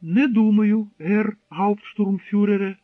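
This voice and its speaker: A man's voice: sits high, steady tone, takes it slowly, no room sound. A man reading an audiobook, voicing a sly, calculating male collaborator who speaks politely and coaxingly. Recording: dry, tinny narrow-band sound.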